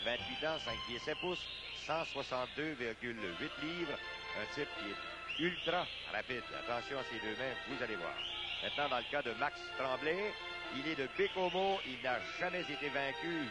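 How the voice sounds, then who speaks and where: A man with a Quebec French accent hosts live fight commentary. His voice sits at an ordinary pitch, with loud music running behind it. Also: lively intonation, moderate pace. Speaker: sports broadcast host.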